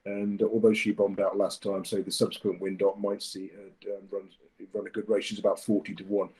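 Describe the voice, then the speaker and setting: A man's voice: lowish voice, flat delivery, fairly quick, darkish tone, rough recording. A man giving his horse racing tips in a casual chat, often hesitating with fillers and restarts. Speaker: racing tipster.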